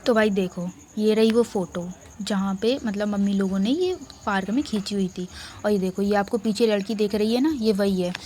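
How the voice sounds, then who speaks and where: A young woman with a slight lisp, excitedly telling a story to her vlog camera in a chatty, animated way. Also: medium pitch, moderate pace, slight background noise. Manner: excited, chatty, quotes her mom in lively voices. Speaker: vlogger.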